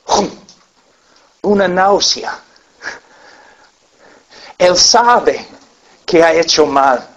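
A man's voice: high-pitched, expressive, very slow, pauses often. Man preaching an earnest sermon. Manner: earnest storytelling with acted-out voices. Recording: dull lo-fi recording.

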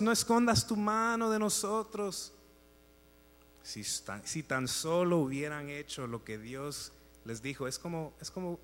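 A man delivers a sermon with emphatic, deliberate phrasing, rising to loud exhortation and then dropping to hushed asides. His voice sits at an ordinary middle pitch. The recording carries a long hall reverb and a faint electrical mains hum underneath. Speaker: preacher.

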